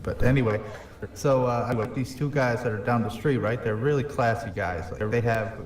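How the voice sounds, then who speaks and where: Heard at medium pitch and a moderate pace in his natural voice, a man plays an improvised young mafia hitman with a New York accent over game voice chat. The distant mic picks up plenty of reverb. He brags while rambling hesitantly through his backstory, saying "you know" again and again.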